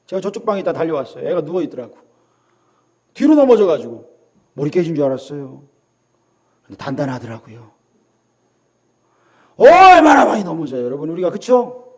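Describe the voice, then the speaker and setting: A middle-aged pastor from South Korea preaches with a high, lively voice that leaps up and down in pitch. He swings from ringing calls to soft, hushed asides. He slips into acted-out voices of other people as he makes his points. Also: brisk, long pauses. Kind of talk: sermon.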